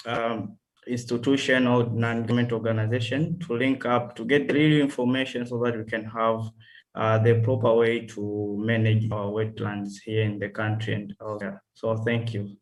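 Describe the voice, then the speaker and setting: A man from Tanzania, reporting to an online workshop over a video call, halting and full of fillers and self-corrections. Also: medium pitch, fairly even intonation, poor audio. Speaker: workshop participant.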